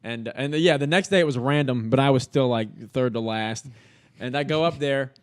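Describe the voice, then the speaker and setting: A man's voice: medium pitch, normal speed, clear, resonant tone. A young man, a podcast guest, telling a story in casual, slangy talk full of fillers and swearing. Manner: slangy and animated, heavy filler words and swearing.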